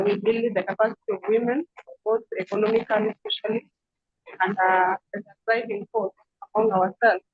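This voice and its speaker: A woman from Kenya, a community organization founder, introducing herself earnestly and haltingly on a video call. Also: mid-range voice, breathy edge, no room sound, lo-fi sound. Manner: earnest, halting, with many fillers. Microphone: video call with a weak connection.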